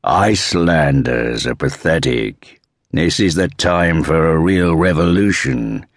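A man voicing a big, middle-aged anarchist with a deep rumbling voice, scornful and forceful. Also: slow, dry recording, studio quality, full character voice.

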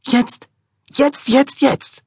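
Brief: high, shrill, bossy pregnant woman with cravings, read by a husky-voiced man, storybook. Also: steady tone, extremely slow, no room sound, studio quality, heavily acted. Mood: shrieking. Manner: shrill, demanding, bratty.

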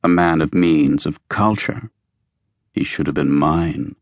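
A man's voice: lowish voice, sing-song, a little slow, no room sound. A man voicing a smug female crime boss who taunts and sneers in an audiobook. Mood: mocking. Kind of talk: audiobook character voice.

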